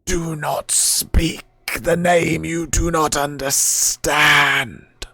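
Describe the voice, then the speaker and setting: A man voicing a solemn, cryptic undead skull that guards a magic door in a tabletop game, with a rasping, breathy, booming voice. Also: steady tone, bright, forceful tone, dry recording, full character voice. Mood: warning, grave. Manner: slow, drawn-out, cryptic pronouncements.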